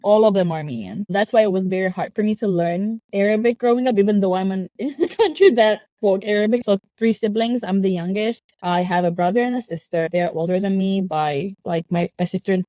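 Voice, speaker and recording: A young woman from Lebanon talks through her upbringing in a reflective, casual way, often breaking into a quick laugh. Her voice is mellow and warm, recorded dry and close. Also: mid-range voice, dry recording. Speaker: guest. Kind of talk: casual interview chat. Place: home.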